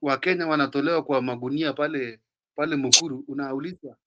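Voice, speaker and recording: A Kenyan man hosting a casual panel talk, animated and mixing English with Swahili. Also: medium pitch, fast, highs cut off. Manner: animated, switches between English and Swahili, mimics others. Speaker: talk show host.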